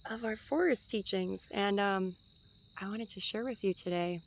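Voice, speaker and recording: A woman's voice: lowish voice, creaky, slight background noise, poor audio. Chatty young woman teaching outdoors. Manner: chatty and meandering, with frequent fillers and light laughter. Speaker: spiritual teacher. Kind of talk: casual spiritual teaching to camera. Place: outdoors in a forest.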